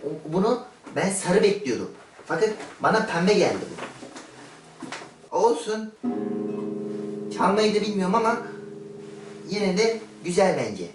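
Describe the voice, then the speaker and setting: A man's voice: high-pitched, very animated, measured pace, long pauses, music in the background. A man playing a rambling young show-off. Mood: chatty. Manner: chatty, rambling show-and-tell. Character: smug young man showing off knickknacks he bought. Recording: roomy and distant with faint noise.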